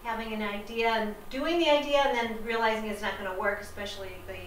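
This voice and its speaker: A woman's voice: a little high, fast. A middle-aged woman giving a casual on-camera testimonial as a client. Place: small office indoors. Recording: echoey room, faint noise.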